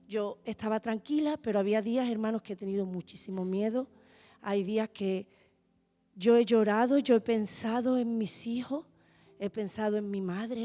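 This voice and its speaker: A woman's voice: medium pitch, mellow. Heartfelt woman testifying in church. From Spain. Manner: heartfelt, addresses the congregation as brothers. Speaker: church member giving testimony. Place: church hall.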